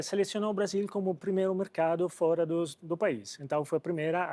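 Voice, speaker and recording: Speaking with an Italian accent, a man from Italy who is president of a company gives interview answers about business. He keeps pausing and hunting for the right words. His slightly high, slightly mellow voice is recorded without any room sound.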